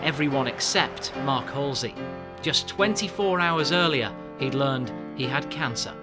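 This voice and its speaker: A man's voice: mid-range voice, animated, a little slow, music in the background. A man presenting and reporting on sport for television, with a polished, upbeat broadcast delivery and light banter.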